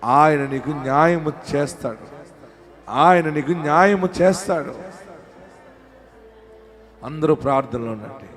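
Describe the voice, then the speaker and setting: A pastor preaching a fervent prayer sermon, voicing his listeners' pleas and swelling to shouts. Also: on the high side, measured pace, long pauses. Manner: voices the listeners' pleas in pleading tones.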